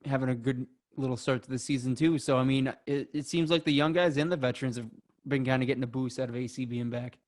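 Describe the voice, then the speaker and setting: A man's voice: mid-range voice, steady tone, fast talker, a little mellow. A man co-hosting a sports podcast, laid-back and chatty, filling with "I mean" and "you know". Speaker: podcast co-host. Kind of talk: casual sports chat.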